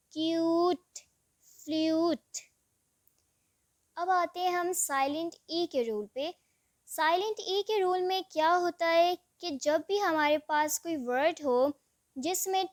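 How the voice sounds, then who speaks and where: Woman, English teacher, high voice, very slow pace, spells words out, stretches vowels. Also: no room sound, clean studio sound. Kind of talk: slow classroom explanation.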